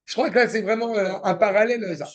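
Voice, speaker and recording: A man's voice: sits high, fast. A man teaching a Torah class, reading verses and explaining them cynical asides. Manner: reads Hebrew text then explains it, with cynical asides. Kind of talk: Torah lesson with Hebrew quotes and commentary.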